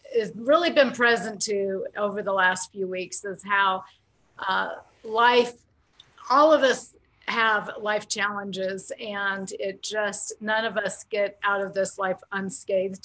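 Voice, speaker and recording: A woman chatting casually on a radio show, halting and repeating words as she reflects. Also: mid-range voice, steady tone, fairly bright tone, low-quality recording.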